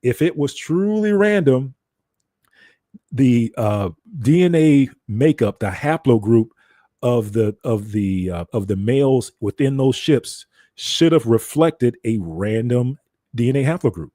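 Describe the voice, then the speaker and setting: A man's voice: mid-range voice, expressive, unhurried, warm tone, no room sound, studio quality. An American man giving an informal teaching talk in a conversational, explanatory way, repeating phrases for emphasis. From United States. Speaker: broadcaster.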